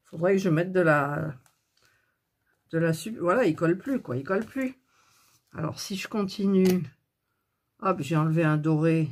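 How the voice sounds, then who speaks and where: A woman's voice: lowish voice, moderate pace, long pauses, a little mellow. A middle-aged woman doing a casual hands-on craft demo, grumbling and talking to herself as she works, filmed up close on a phone. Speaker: craft video host.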